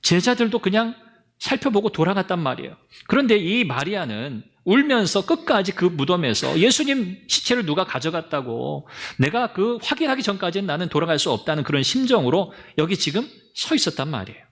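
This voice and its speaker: A male pastor delivers a Sunday sermon as vivid storytelling. His voice sits a little high and swings widely in pitch. He often addresses the congregation directly and acts out the lines of the people in the story. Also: brisk. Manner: animated storytelling, acting out quotes.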